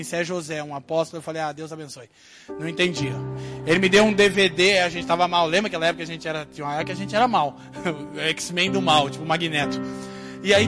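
A man from Brazil giving an animated sermon testimony, swinging from hushed asides to loud outbursts. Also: high voice. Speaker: preacher telling his testimony.

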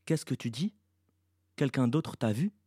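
A man's voice: medium pitch, expressive, a little slow, dark tone, slightly rough, dry recording, clean studio sound. A man voicing a secretive, commanding mother who gives firm, clipped orders. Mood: stern.

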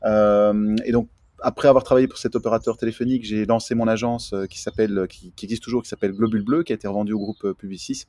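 A Belgian man in his forties speaks casually as a podcast guest, explaining things and slipping English marketing terms into his talk. His voice is fairly low and warm, with a steady tone and a fast pace. He's outdoors on a remote connection, yet the audio is clean and studio-like with no room sound.

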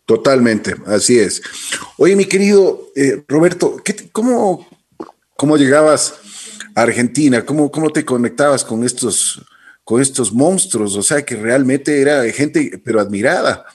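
A man's voice: medium pitch, lively intonation, a little slow, a little mellow, husky. A man interviewing a guest, asking questions with frequent restarts. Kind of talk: casual interview.

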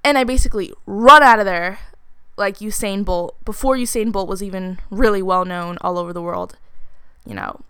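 A woman's voice: mid-range voice, lively intonation, normal speed, fairly bright tone, clear, resonant tone, no echo. A woman in her twenties telling a personal story in a casual, chatty way, with lots of "like" fillers and laughs slipped in. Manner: chatty, many "like" fillers, laughs while talking.

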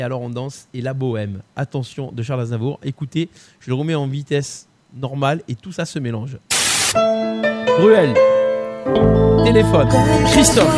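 A chatty male host with a fairly high voice runs a live quiz show. He repeats phrases, hesitates with fillers, and keeps the banter going. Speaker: host running a song quiz and prank calls. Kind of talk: lively live-stream chat.

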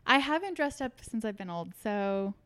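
A woman's voice: mid-range voice, animated, moderate pace, fairly bright tone, a little hiss or hum. A young woman co-hosting a podcast, chatty, upbeat and teasing in casual talk. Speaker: podcast co-host. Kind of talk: casual chat.

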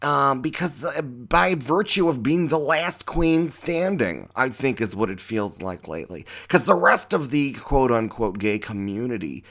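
A man's voice: mid-range voice, big pitch swings, unhurried, creaky, few pauses, fairly bright tone. A middle-aged man hosting a podcast as a drag queen, giving a rambling, tangential, profane monologue. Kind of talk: opinionated monologue.

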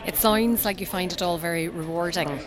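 A woman's voice: fairly low pitch, a little fast, soft background music, poor audio. A woman putting questions as an interviewer.

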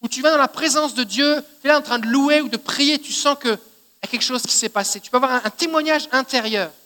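A man's voice: very high voice, brisk, sharp tone. A male pastor with a Québécois French accent preaching a sermon in a conversational teaching manner, often checking in with his listeners. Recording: long hall reverb.

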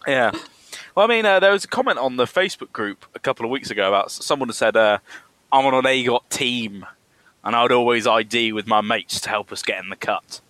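Male podcast host, mid pitch, easygoing, moves things along. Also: fairly quick, no echo. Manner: relaxed, steers the conversation. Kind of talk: casual chat.

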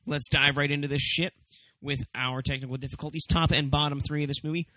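Emphatic, higher-voiced man reviewing casually. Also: fairly even intonation, a little fast, sharp tone, no room sound. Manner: emphatic, profane, swooping for stress. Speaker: movie review show host. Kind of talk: casual, comedic review commentary.

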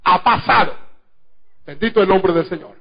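Fervent high-voiced male preacher, lo-fi. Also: moderate pace, vocal fry. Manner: fervent, swings between loud exclamations and low murmurs. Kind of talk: sermon. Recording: dull lo-fi sermon recording.

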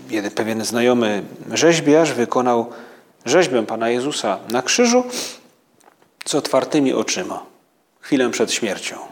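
A man preaching a spiritual meditation, speaking slowly and reflectively, with halting pauses. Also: medium pitch.

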